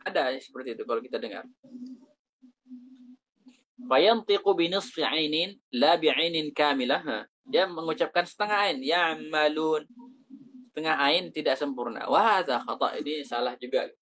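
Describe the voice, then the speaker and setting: A man's voice: fairly high pitch, lively intonation, a bit bright. Man teaching Quran pronunciation. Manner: explains slowly, demonstrating Arabic sounds then translating into Indonesian. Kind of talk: teaching Arabic letter pronunciation.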